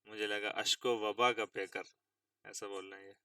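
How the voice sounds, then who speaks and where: Bright-voiced male English tutor, far from mic. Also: lowish voice, flat delivery, dry recording. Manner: slow drawn-out reading of English phrases, spells words aloud. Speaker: English teacher. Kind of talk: vocabulary lesson explaining English news words.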